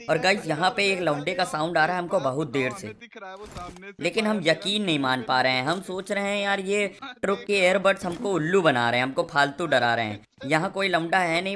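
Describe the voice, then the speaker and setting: A man's voice: on the high side, pushed and bright. Rowdy young man commentating gameplay. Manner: rowdy, crude teasing banter. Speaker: gaming streamer.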